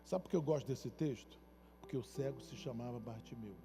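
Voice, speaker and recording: A man from Brazil with a Carioca accent, preaching a sermon as a bishop in a church, telling stories dramatically and acting out the characters' shouts and soft pleas. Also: medium pitch, brisk, in a large hall, noisy background. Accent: Carioca Portuguese.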